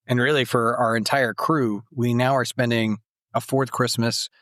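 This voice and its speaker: A man's voice: mid-range voice, fairly even intonation, moderate pace, a bit bright, dry recording, clean studio sound. Easygoing man co-hosting a podcast. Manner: easygoing, chatty. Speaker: podcast co-host. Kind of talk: casual chat.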